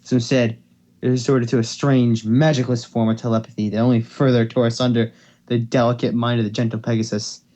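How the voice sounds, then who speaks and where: This man's medium-pitched, mellow voice has a flat delivery and a slightly quick pace. He's running an amateur fan fiction reading, dramatizing the story while stumbling and repeating phrases.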